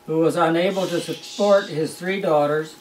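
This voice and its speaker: In a roomy, distant recording made at a family home, a grandfather reads a Christmas story with wry amusement. His voice is on the high side and darkish in tone, with fairly even intonation at a normal pace, and there's slight background noise.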